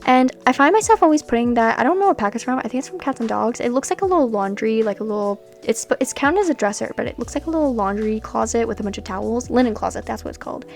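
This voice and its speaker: A woman's voice: on the high side, lively intonation, quick pace, vocal fry, few pauses, faint music behind. A young woman chatting casually over gameplay, rambling and self-deprecating, with frequent laughs. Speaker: sims builder and video creator.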